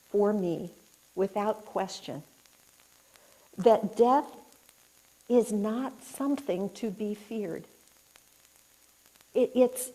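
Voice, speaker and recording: Slow, earnest woman giving a reflective talk. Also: medium pitch, mellow, poor audio. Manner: earnest, reflective, poses questions to the audience. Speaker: inspirational speaker and life coach. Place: spiritual center hall, indoors.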